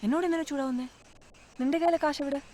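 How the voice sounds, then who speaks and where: Flustered girl actress, talks super fast, noisy scene behind. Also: high-pitched, steady tone, mellow, close to an everyday voice. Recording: film audio with noticeable background noise.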